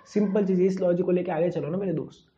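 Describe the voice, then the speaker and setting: A man's voice: high voice, fairly even intonation, quick pace, warm tone, muffled recording, slight background noise. A man giving earnest, preachy relationship advice straight to his viewers, repeatedly calling them his friend. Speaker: love advice vlogger. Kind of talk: direct-to-camera advice talk.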